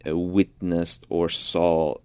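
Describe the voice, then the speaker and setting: Speaking slowly in a deep, level, smooth and slightly mellow voice, a young Georgian man answers radio interview questions as a pianist and composer. Georgian is his first language, and he reflects carefully and often restarts sentences; the recording is dry.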